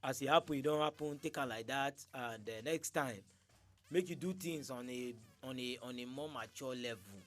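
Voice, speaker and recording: A man with a Nigerian accent speaking Nigerian Pidgin, hosting a casual radio chat and telling stories in an animated way, acting out what people said. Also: mid-range voice, moderate pace, faint music behind. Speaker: radio show host.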